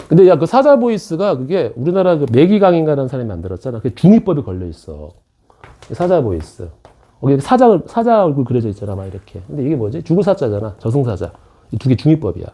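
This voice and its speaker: In a relaxed math class at an academy, a middle-aged teacher mixes explanations with chatty jokes aimed at his students. His voice is a little high and mellow, and the audio sounds dull.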